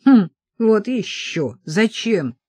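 A reader voicing a calm, sensible male leader in a storybook. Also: mid-range voice, slow, breathy edge, dry recording, pitched above the performer's own voice, exaggerated voice. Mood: level-headed.

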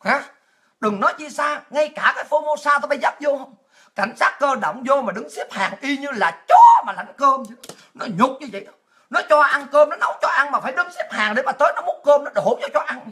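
A woman from Vietnam, delivering a ranting, mocking monologue as a political commentator, often shouting. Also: high-pitched, sing-song, a little fast. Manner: shouting, mocking, with crude insults and laughs.

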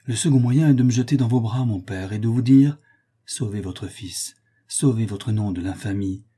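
A man's voice: fairly low pitch, normal speed, warm tone, husky. A man reading the part of a young viscount who pleads with his father and then schemes aloud. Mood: pleading.

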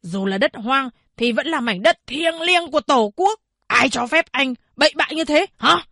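An arrogant official barks orders and scolds with open contempt, as a woman narrator voices him. His voice sits high and breathy, pushed harder than plain talk, recorded dry and close. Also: lively intonation, moderate pace, fairly bright tone, no room sound, heavily acted. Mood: scolding. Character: arrogant, bullying male government official.

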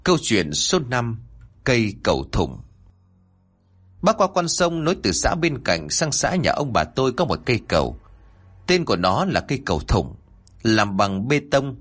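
A man narrates a ghost story in a scripted, dramatic delivery. His voice is husky, and his pitch moves a lot as he shapes each line. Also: sing-song, moderate pace, a bit bright. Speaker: horror storyteller.

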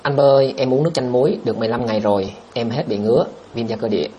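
Fast-talking blunt man. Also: medium pitch, dark tone, muffled recording, slight background noise. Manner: blunt, scoffing, reads out viewer comments and answers them directly. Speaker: livestream host answering viewer questions. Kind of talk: casual livestream chat.

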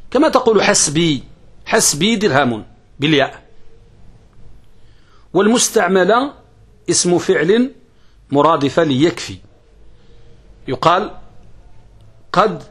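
A man with a fairly high, slightly rough voice teaches a classical grammar lesson. He poses questions and answers them himself, repeating key phrases. His pace is uneven, drawing out some words and hurrying through others.

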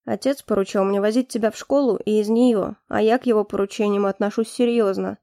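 A woman voicing a calm, firm young man who speaks in clipped, dryly ironic lines. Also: brisk, no echo, studio quality. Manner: clipped, firm, low-key.

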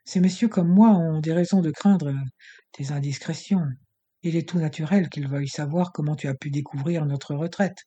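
A man's voice: a little high, moderate pace, mellow, husky, lo-fi sound. A man voicing a frightened, weak father who stammers and pleads in an audiobook. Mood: uneasy.

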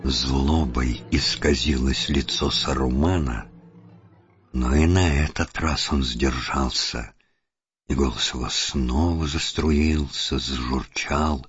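Very deep-voiced male audiobook narrator. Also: fairly even intonation, slow pace, breathy edge. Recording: dull lo-fi audiobook with faint music.

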